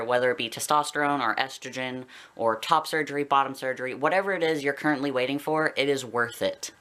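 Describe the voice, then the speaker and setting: In his personal vlog, a young adult man with a Canadian accent chats candidly and casually with viewers, wandering off a little as he goes. His mid-range voice has a sharp tone.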